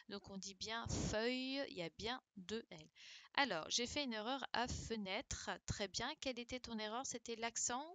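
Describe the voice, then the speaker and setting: A woman teacher correcting a dictation live for her pupils, patient and encouraging, reading words out slowly. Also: a little high, sharp tone, dry recording. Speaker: primary school teacher.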